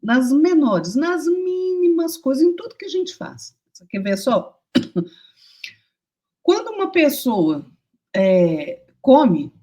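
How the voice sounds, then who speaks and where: Animated, high-voiced woman teaching. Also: takes it slowly. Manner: animated, speaks straight to the audience with everyday examples. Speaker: co-host of a Spiritist program. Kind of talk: conversational teaching talk.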